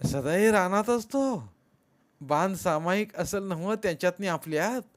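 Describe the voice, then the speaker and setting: Brief: man acting a rude, stubborn rustic shepherd, drawled high and loud for a told tale. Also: expressive. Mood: insolent. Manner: slow, insolent drawl in rustic dialect. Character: blunt stubborn male village shepherd.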